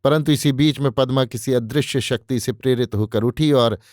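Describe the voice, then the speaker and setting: A male narrator reads a novel aloud in a measured, literary way. His voice sits at a middle pitch. He is recorded on a close mic with a dry, roomless sound. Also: a little mellow, no echo. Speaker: audiobook narrator.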